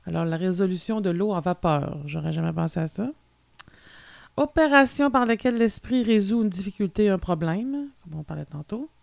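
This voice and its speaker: A woman's voice: mid-range voice, expressive, normal speed, gravelly, a little mellow, no room sound. A woman with a Québécois accent, co-hosting a podcast and reading dictionary definitions in a chatty way, with many fillers. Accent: Québécois French. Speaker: podcast co-host. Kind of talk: casual chat.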